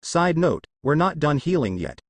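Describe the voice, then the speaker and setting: A man's voice: on the high side, very animated, normal speed, dry recording. A man voicing a wry, critical spirit living inside a boy, in a storybook reading.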